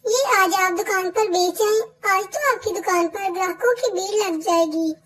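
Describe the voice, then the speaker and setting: This is Hindi cartoon voice acting for a tiny, childlike sparrow daughter-in-law from a storybook cartoon, pitched extremely high. She comes across as a dutiful young bird with a sly streak, earnest and helpful. The pace is moderate and the tone a bit bright.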